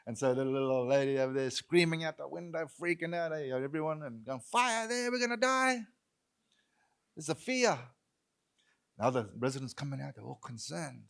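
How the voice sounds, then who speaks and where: A man delivers a public lecture in an earnest, emphatic way. He drives his points home by repeating phrases, and now and then slips into other people's voices to act out what they said. His pitch sits in an ordinary middle range. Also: quick pace, gravelly, few pauses. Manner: acts out bystanders' voices in quotes. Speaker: guest lecturer.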